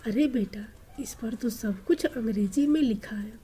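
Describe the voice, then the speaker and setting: A woman voicing a gentle, trusting elderly mother who speaks softly and pleads. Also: on the high side, a little slow, slight background noise, close to an everyday voice.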